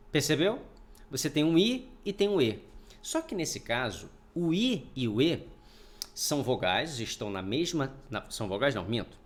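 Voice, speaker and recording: A man teaching a recorded grammar lesson, explaining step by step, often checking in with his students and sounding out words syllable by syllable. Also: mid-range voice. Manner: explanatory, repeats points, checks in with "tá?". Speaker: Portuguese teacher.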